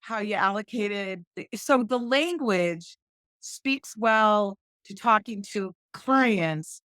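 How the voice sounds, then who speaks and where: A woman's voice: medium pitch, slow pace, no room sound, clean studio sound. A woman in her sixties, a family lawyer and podcast guest, chatting casually and telling stories with acted-out voices. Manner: lively storyteller who acts out quoted voices. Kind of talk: casual conversation.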